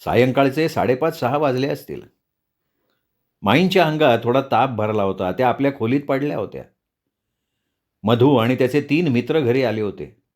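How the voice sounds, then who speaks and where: A male storyteller reads a novel aloud at a medium pitch. His delivery is measured and expressive, in the manner of an audiobook narration.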